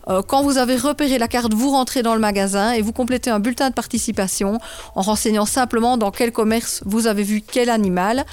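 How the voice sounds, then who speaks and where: A woman's voice: fairly high pitch, steady tone, a little fast, a little mellow. A woman, a guest in a radio interview, methodically walking through an event schedule. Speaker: guest, local events organizer.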